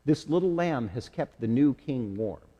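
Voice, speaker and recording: A man voicing a gentle young mother in a children's nativity story, speaking softly and reassuringly. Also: medium pitch, expressive, normal speed, close to an everyday voice. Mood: serene. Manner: soft, tender, reassuring. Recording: echoey hall with long reverb.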